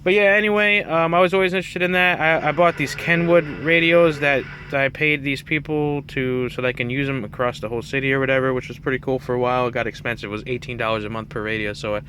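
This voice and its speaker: Speaking quickly with few pauses, this man has a medium-pitched, sharp voice that barely changes pitch, against slight background noise. He's a trucker walking through his CB radio gear in a casual, rambling, self-effacing vlog style.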